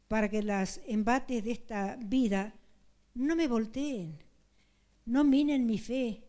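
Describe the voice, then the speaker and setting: Older argentine woman preacher, slow and mellow, pleading sermon. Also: on the high side. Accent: Argentine Spanish. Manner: earnest, pleading, repeats phrases.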